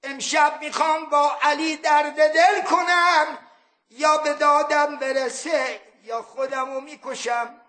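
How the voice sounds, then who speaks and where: A man's voice: very high-pitched, fairly even intonation, bright, forceful tone, reverberant. A man voicing a grieving devout man who pleads in a chanted lament.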